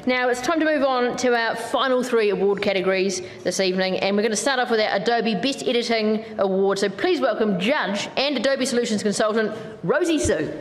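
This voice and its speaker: A woman's voice: on the high side, fairly quick, few pauses. Chatty woman hosting an award ceremony. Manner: chatty, self-deprecating, relaxed. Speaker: ceremony host. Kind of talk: casual stage hosting. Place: large event hall. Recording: hall reverb with faint background noise.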